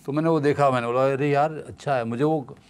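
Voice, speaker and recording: Man, animated storyteller, acts out other people's lines, casual podcast chat. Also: mid-range voice, brisk. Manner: animated, acts out quoted voices. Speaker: guest actor.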